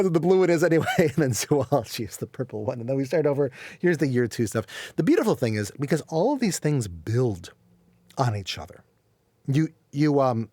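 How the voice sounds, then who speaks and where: A man's voice: fairly low pitch, darkish tone, no echo. A man walking through an online science course on screen in a casual, rambling way, who corrects himself and jokes as he goes. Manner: rambling, self-correcting, joking, laughs often. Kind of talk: casual screen-share walkthrough.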